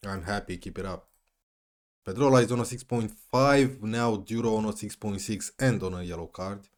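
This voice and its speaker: Male gamer, lowish voice, play-by-play let's play commentary, frustrated outbursts. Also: moderate pace. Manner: exasperated, swings from muttering to yelling. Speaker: gaming YouTuber.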